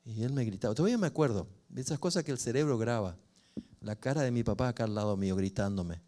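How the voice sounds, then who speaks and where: An older man, a pastor telling a personal story in a sermon with expressive rises and falls. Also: medium pitch, fast. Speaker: pastor and family counselor.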